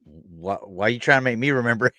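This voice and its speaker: A man co-hosts a podcast in casual, teasing chat and keeps agreeing with his partner. His voice sits at a middle pitch and is recorded with a dry, close sound. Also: lively intonation, fast, bright, forceful tone, no echo. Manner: supportive, teasing back-and-forth with frequent agreement. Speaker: podcast co-host.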